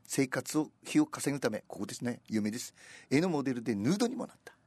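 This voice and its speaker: A husky-voiced man chats on the radio, telling stories and reciting old rhyming verse with a lively, swinging pitch. His voice sits close and dry, with no room around it. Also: quick pace, no echo. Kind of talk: casual radio chat.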